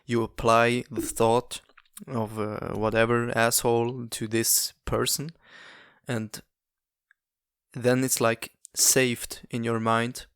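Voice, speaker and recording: Speaking English as a second language, a young man from Switzerland talks alone on his podcast in a relaxed way, stumbling often into fillers and false starts. The voice is smooth and medium in pitch, captured in a dry, clean studio recording.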